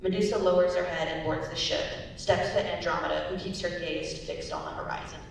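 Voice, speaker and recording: With vocal fry and a fairly quick, animated delivery, a young adult woman narrates stage directions from a script at a dramatic reading. Hiss, rumble and strong hall echo come through the distant mic.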